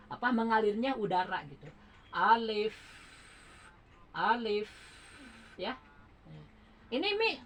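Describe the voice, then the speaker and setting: Woman, bright tone, fairly high voice, patient drilling of letters, casual home lesson. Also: rough recording. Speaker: Quran recitation teacher.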